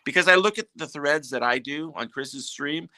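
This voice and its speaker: A man's voice: a little high, normal speed, pushed and bright, no echo, rough recording. A man chatting as a guest on a live stream, telling jokes and rambling stories that keep interrupting themselves. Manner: rambling, self-interrupting storyteller. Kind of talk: casual joking chat.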